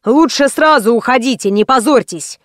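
A woman's voice: on the high side, expressive, normal speed, no room sound, clean studio sound, lightly acted. A woman reading aloud and voicing a pompous, scornful middle-aged male writer with a huffy, condescending manner.

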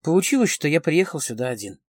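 A man reading the part of a smooth, confident man around forty who speaks in a pleasant baritone, in a dry close recording. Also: big pitch swings, fast, no room sound. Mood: suave.

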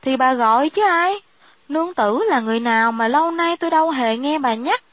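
A woman's voice: high voice, lively intonation, brisk, fairly bright tone, dry recording. A worried, grumbling middle-aged official husband, which a woman storyteller puts on speaks. The voice is dry and close, and the recording slightly dull.

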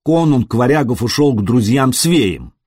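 A man reading an adventure novel aloud as a studio audiobook, in an expressive style that briefly acts out the characters. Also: medium pitch, measured pace, husky, dry recording. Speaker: audiobook narrator. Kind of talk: scripted audiobook narration.

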